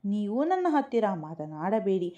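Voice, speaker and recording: A woman's voice: medium pitch, big pitch swings, normal speed, mellow, close to an everyday voice. A woman voicing a feverish, hurt young wife in an audio story, speaking wearily and coldly. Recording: dull lo-fi recording.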